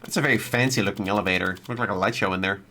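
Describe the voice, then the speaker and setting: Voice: deep voice, very fast, bright, forceful tone, a little hiss or hum. A streamer giving casual, wry playthrough commentary and reading game text aloud, with irreverent asides. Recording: music playing behind the voice.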